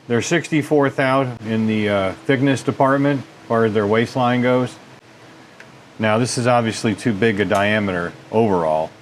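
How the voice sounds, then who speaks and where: A man's voice: lowish voice, a little hiss or hum. A man hosting a repair channel, casually demonstrating lathe work in his workshop and thinking aloud with folksy asides. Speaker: machine shop repair host.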